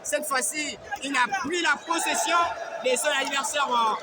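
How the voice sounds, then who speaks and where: A man giving excited, emphatic live boxing commentary like a ring announcer, often calling out names. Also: very high voice, a little slow. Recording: noisy live event with loud crowd. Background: crowd noise.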